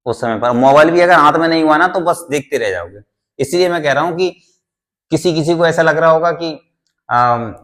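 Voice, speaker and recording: A man's voice: mid-range voice, fairly bright tone. Guy teaching english words in hindi, spells stuff out letter by letter, repeats a lot, asks the class questions. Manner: repetitive, spells words out letter by letter, quizzes students. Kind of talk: Hindi-language classroom lesson.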